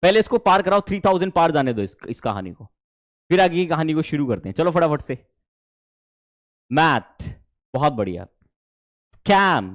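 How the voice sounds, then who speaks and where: A man's voice: fairly high pitch, fast. A man teaching spoken English in a live online class, coaxing his students and praising their answers, with an Indian accent in his English. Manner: animated, coaxing, calls students "dear children".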